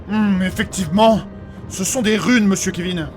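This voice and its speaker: A man voices a fussy, formal magic scholar in a comic French fantasy audio fiction, earnestly explaining things with precision and frequent repetition. He speaks at a normal speed in a high-pitched voice. Soft music plays behind the lightly acted performance.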